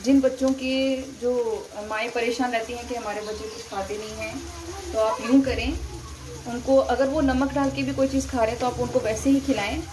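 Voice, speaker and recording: A fairly high-voiced woman walks her viewers through a home recipe at the stove, calm and unhurried as she explains each step. Oil sizzles and a spatula scrapes the wok clearly under her voice, picked up by a camera close to the pan. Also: background noise. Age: adult, mother of a young son. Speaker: cooking vlogger. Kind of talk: home cooking demonstration. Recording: frying sizzle behind the voice. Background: frying and stirring in a wok.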